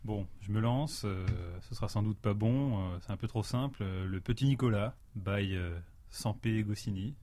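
A man playing a radio quiz, guessing hesitantly and filling his pauses with "euh". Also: lowish voice, warm tone. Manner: hesitant, full of fillers. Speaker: quiz contestant. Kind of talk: radio game show talk.

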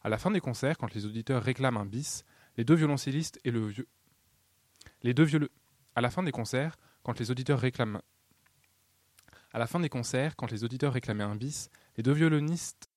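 A man's voice: mid-range voice, a little fast, darkish tone, no echo. A man co-hosting a podcast, reading texts aloud and often stumbling and restarting phrases. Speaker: podcast co-host.

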